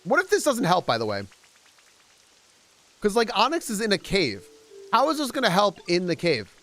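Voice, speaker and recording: Lively excitable male game streamer. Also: high-pitched, moderate pace. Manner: excitable, chats with viewers, talks to characters. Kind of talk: casual live game commentary.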